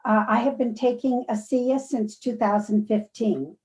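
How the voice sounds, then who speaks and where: A woman in her seventies, an athlete on a panel, introducing herself on a video call in a halting way with fillers. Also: a little high, steady tone, mellow. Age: 70s. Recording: dull lo-fi call audio.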